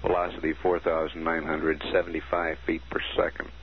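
A man with a very low voice delivers crisp, measured mission status reports, reading out one figure after another. His voice comes through a muffled radio transmission, dull and lo-fi like an old archive broadcast. A faint hiss runs underneath. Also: monotone. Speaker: mission control commentator. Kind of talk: formal status announcements.

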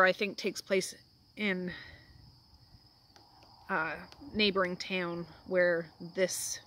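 A woman's voice: on the low side, bright, forceful tone, a little hiss or hum. A middle-aged woman hosting a casual book chat over tea at home, talking in a rambling, homey way. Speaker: book vlog host. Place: home, indoors.

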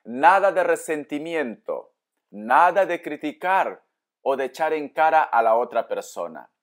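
A man hosting a casual tarot session speaks straight to his viewers from a table in a book-filled indoor room, walking through the cards and posing and answering his own questions. He has a fairly high, expressive voice and keeps a measured pace.

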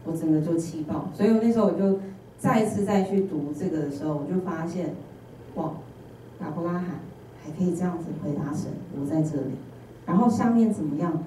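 Lower-pitched woman preaching in an echoey hall. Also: a little fast, slight background noise. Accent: Taiwanese Mandarin. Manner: animated storytelling with humorous personal anecdotes and acted-out dialogue. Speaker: intern preacher. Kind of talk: sermon. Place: church sanctuary. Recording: echoey church hall, voice from a distance.

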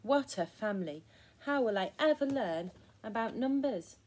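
A tiny girl spider from a children's storybook, her voice pitched high and bright as she asks her questions earnestly and a little plaintively, as a woman reading aloud puts her on. she sounds small, eager and keen to learn. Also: lively intonation, normal speed, slight background noise, lightly acted.

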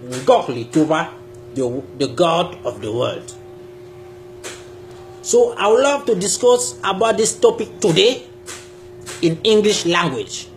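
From a sofa in a small indoor room, a man whose native language is Bassa talks to the camera about spirituality for his YouTube channel. He is slow, deliberate and emphatic, gesturing a lot, with a high voice, lively intonation and slight background noise.

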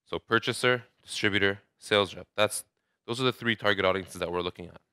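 A man in his thirties speaks at a conference, loose and conversational, restarting phrases as he goes. His voice sits a little low but rings bright and smooth, recorded dry and close. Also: brisk, dry recording. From Saudi Arabia. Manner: conversational, many restarts and fillers. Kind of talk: conference talk. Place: large hotel ballroom, indoors.

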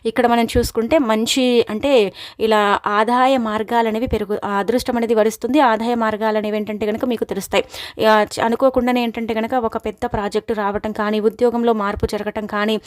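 Fast-talking woman giving horoscope advice. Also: fairly high pitch, no room sound, clean studio sound. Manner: rapid, repetitive filler-laden advice. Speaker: astrology presenter.

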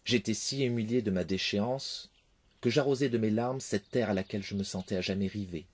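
A man reading a fairy tale aloud, expressive in his first-person telling. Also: fairly low pitch, brisk. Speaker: narrator. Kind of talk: storybook reading.

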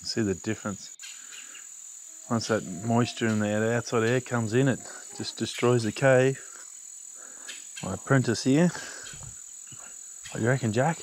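A man's voice: medium pitch, unhurried, long pauses, low-quality recording. A man with an Australian accent chatting casually as he films an outdoor vlog. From rural Australia. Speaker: vlogger, father out with his young child. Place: outdoors on a bush trail. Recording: faint outdoor noise, insects.

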